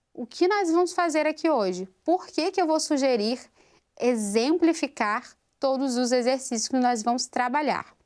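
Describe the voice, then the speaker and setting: A woman teaching a vocal technique lesson, explaining step by step and asking rhetorical questions. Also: sits high. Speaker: singing teacher.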